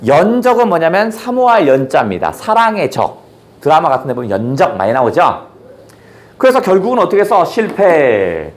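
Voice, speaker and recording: Animated male teacher lecturing. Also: on the high side, moderate pace. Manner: playful and colloquial, with blunt slang. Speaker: literature teacher. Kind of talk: classroom lecture.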